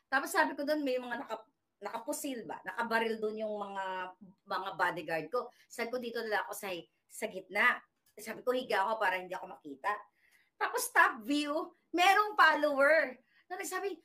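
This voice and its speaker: A woman vlogger from the Philippines casually recounting a dream in a chatty, rambling way, with many restarts and fillers. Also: high voice. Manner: animated retelling of a dream. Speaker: political commentary vlogger. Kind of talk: casual storytelling monologue.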